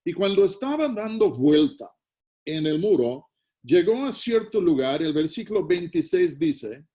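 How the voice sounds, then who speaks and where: A man's voice: on the high side, big pitch swings, measured pace, dark tone. A man with a Mexican Spanish accent, preaching as a pastor and retelling and reading a Bible story with asides to the congregation. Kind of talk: sermon.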